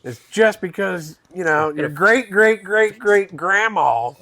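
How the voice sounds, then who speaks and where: A man co-hosting a comedy podcast, teasing the others with quick crude comebacks. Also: high voice, animated, sharp tone, no room sound. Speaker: podcast co-host. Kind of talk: crude casual banter.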